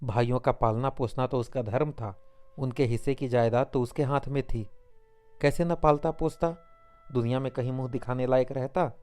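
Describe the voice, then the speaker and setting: A man narrates a classic novel as an audiobook, in scripted, dramatic storytelling. His voice is of middle pitch and steady. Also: normal speed, soft background music.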